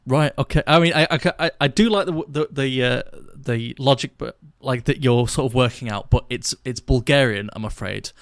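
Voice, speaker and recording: A man's voice: mid-range voice, normal speed, hardly any pauses. A man co-hosting a podcast in casual chat, stammering and hesitant, with a dry sense of humour. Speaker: podcast co-host.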